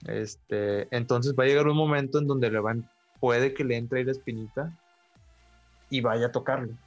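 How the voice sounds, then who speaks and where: A man's voice: mid-range voice, fairly even intonation, moderate pace, no echo, muffled recording, faint music behind. A man in casual podcast talk, thoughtful and full of filler words. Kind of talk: casual conversation.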